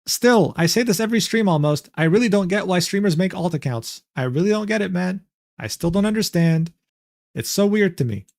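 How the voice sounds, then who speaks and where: A man's voice: sits high, lively intonation, brisk, darkish tone, dry recording, studio quality. A man streaming live, talking brashly and profanely while reacting to clips.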